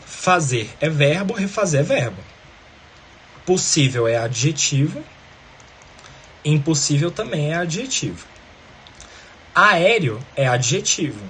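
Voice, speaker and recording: A man's voice: fairly high pitch, a bit bright, a little hiss or hum. Man explaining grammar step by step. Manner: explains step by step, checks in with "tá?" and "beleza". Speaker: teacher. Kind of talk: grammar lesson.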